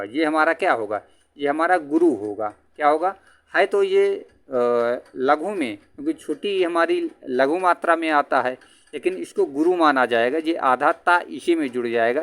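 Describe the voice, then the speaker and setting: Man teaching, asking and answering himself. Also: fairly high pitch. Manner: asks the class questions and answers them himself; chants verse lines slowly. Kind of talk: exam-prep grammar lesson.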